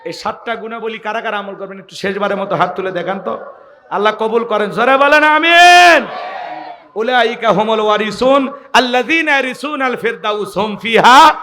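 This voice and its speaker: Man, preacher, high ringing voice, rousing sermon, long hall reverb. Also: pushed and bright. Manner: rousing, calls out for audience responses, joking asides. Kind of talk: sermon at an evening religious gathering.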